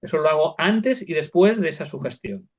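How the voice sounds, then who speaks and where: Hombre que explica pausado, con sonido apagado. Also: male voice, on the high side, expressive, breathy edge, highs cut off. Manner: explains with examples, repeats words, thinks aloud. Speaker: psychologist and hypnotherapist guest. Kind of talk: casual interview talk.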